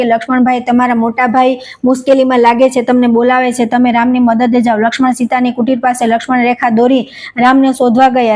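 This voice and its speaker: A woman with a Gujarati accent reciting a devotional scripture story in steady, even recitation. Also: a little high. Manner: steady recitation, even delivery, quoted dialogue read without acting.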